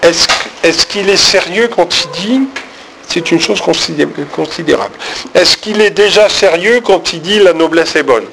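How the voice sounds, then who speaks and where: A man's voice: sits high, moderate pace, vocal fry, noisy background. A man teaching a diction lesson in French, explaining where to place stress and acting out lines with strong emphasis to show it. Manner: demonstrates stress by reading lines with heavy emphasis. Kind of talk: diction and text-reading lesson.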